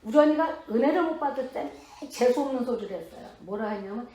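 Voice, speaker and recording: High-voiced woman pastor in an echoey hall. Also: quick pace. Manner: animated, emphatic storytelling with blunt colloquial speech. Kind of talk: testimony sermon.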